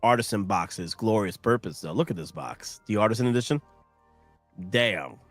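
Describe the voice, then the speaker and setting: A man's voice: on the low side, animated, normal speed, no room sound, faint music behind. A man in his thirties with a Southern American accent, chatting loosely on a live stream, tired and rambling with restarts and asides to his viewers. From United States. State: tired, sleep-deprived. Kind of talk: casual live-stream chat.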